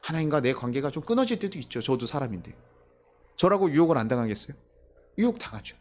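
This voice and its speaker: A man's voice: a little high, sing-song, fast, a little mellow. A man preaching a sermon as pastor in a church, talking conversationally with many rhetorical questions and chuckling at his own stories.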